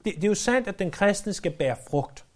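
A man's voice: high voice, expressive. A man preaching a sermon in an earnest, emphatic way, repeating key phrases for weight.

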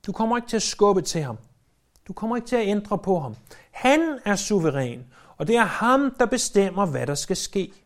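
High-voiced man preaching. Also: big pitch swings. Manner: emphatic, swings between loud stresses and hushed low phrases. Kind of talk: sermon.

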